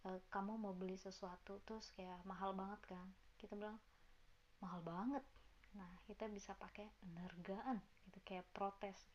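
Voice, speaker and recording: A woman giving a casual online language lesson, chatting with viewers and repeating example words slowly and carefully. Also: medium pitch, a little mellow, a little hiss or hum. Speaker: language teacher. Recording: dull lo-fi sound.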